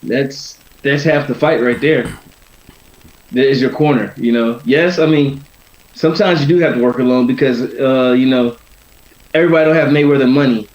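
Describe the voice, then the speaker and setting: A man's voice: mid-range voice, normal speed, darkish tone. A man chatting casually as a boxer in an interview, rambling and often tagging on "you know". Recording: roomy, dull lo-fi sound.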